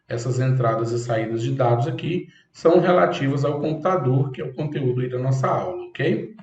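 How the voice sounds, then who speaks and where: A brisk man with a medium-pitched, darkish voice delivers a classroom lecture for a computer course. He goes step by step, checking in with "ok?" often, captured in an echoey room with dull, lo-fi sound.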